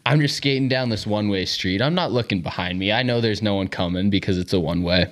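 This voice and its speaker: A man's voice: fairly low pitch, quick pace. Laughing man telling a story. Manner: laughs through his own story, swears freely. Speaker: podcast co-host. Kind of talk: casual storytelling.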